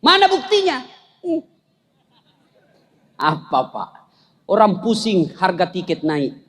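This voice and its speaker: A high-pitched male preacher delivers a sermon laced with jokes. He tells his stories with animated, playful timing, and his voice sits high for a man. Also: slow pace. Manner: animated joking storyteller. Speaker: Islamic preacher. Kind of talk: humorous sermon.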